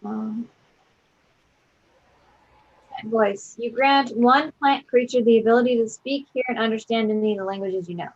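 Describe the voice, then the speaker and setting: A woman with a fairly high voice plays a tabletop game. Her talk is casual and hesitant as she searches for words, and the sound is slightly dull and lo-fi. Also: steady tone, moderate pace, long pauses.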